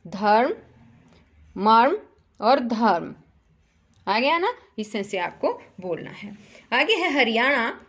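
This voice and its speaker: A woman teaching a primary-school Hindi lesson as a voice-over, saying words clearly one by one so children can repeat after her. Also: on the high side, bright, forceful tone. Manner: slow, careful word-by-word drills for repeating.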